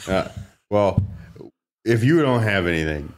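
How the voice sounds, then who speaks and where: A man hosting a podcast in casual chat, relaxed and rambling, laughing easily, speaking into a podcast microphone. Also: lowish voice, measured pace. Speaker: podcast host. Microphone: podcast dynamic mic.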